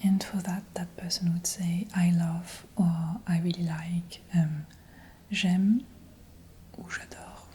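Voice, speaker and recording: Whispering woman teaching, slow and mellow. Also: lowish voice, steady tone, husky. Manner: whispered ASMR teaching, repeating phrases slowly; soft giggles between phrases. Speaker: French teacher. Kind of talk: whispered role-play. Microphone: close binaural mic.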